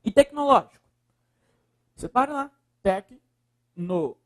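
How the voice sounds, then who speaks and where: Brazilian teacher drilling syllables slowly. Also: male voice, high voice, expressive. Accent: Brazilian Portuguese. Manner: coaxing, repeats words slowly and syllable by syllable. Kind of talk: video lesson.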